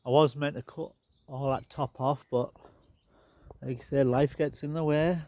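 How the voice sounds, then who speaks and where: This is a relaxed garden tour by a vlogger who walks and talks outdoors, his nose a little stuffed up, his talk rambling and wry. He speaks at medium pitch and normal speed with fairly even intonation and a mellow tone. There's no room sound, the highs are cut off, and birds and animals fill the background.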